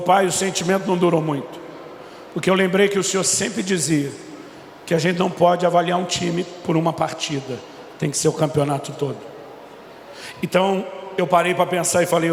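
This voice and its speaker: Brief: middle-aged male pastor, animated storytelling preacher, gravelly high voice, long church reverb. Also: slight background noise. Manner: animated storyteller, voices quotes of himself and his son. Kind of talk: sermon with acted-out dialogue. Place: large church hall. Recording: echoey church hall with reverb.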